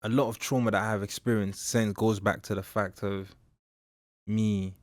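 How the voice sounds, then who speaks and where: Low-voiced young man, halting and reflective. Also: steady tone, no room sound. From Nigeria. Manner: reflective, halting, with frequent fillers. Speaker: guest, mentor and public speaker. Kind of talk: candid personal interview.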